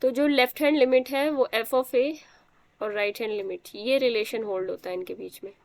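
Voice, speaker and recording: A woman's voice: fairly high pitch, fairly even intonation, moderate pace, darkish tone, no echo. A young woman teaching a math class, explaining step by step and quizzing students as she goes. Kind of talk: live online math class.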